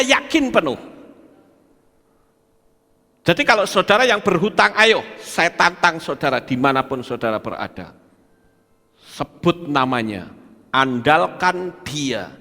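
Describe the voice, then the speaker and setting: An older male pastor with a high, sharp voice preaches a sermon emphatically, firing rhetorical questions at his congregation, and the recording carries long hall reverb.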